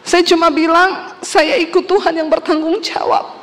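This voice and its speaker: A woman preacher from Indonesia tells her own story in an earnest, heartfelt way. Her voice sits high and carries a long hall reverb. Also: fairly even intonation, normal speed, fairly bright tone. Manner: earnest storytelling, acts out her father's and mother's words. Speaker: pastor. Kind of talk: sermon testimony.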